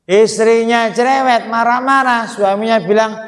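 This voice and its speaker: A man preaching a humorous sermon, animated and joking, his tone swinging up and down. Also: very high voice, moderate pace. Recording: long hall reverb.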